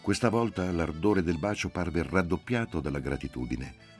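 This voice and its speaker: A man reading a novel aloud as an audiobook, in a measured, even-paced way, softening his voice for the dialogue. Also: low-pitched, soft background music. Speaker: audiobook reader. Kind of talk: literary audiobook narration.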